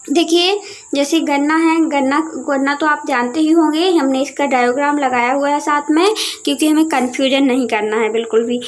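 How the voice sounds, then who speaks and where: Woman teacher, high voice, talks viewers through a map, answers her own questions. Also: normal speed. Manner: asks questions and answers them herself; keeps addressing viewers as guys. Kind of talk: explaining a lesson over a map.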